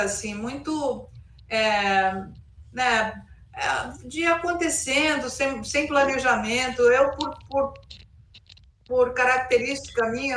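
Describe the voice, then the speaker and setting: A middle-aged woman speaks in a fairly high voice, some way from the microphone in a roomy, echoing space. She recollects informally as an interview guest, rambling and quoting remarks as she goes. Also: fairly bright tone, slight background noise. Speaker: interview guest, cultural producer. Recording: roomy echo, distant microphone.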